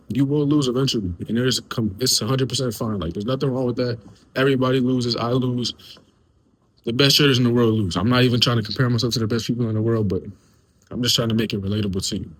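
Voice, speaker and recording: A man's voice: medium pitch, husky. Young male trading vlogger, easygoing and encouraging, mid-range voice. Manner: laid-back, repetitive, slangy and encouraging. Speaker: day trading video creator. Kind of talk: casual motivational talk to camera.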